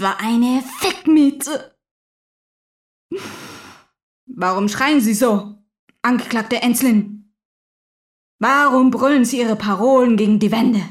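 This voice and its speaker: An actress playing a bitter, unraveling young woman militant in jail, in a theatrical stage monologue that swings between hushed whispers and shouted outbursts. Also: a little high. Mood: bitter, scornful.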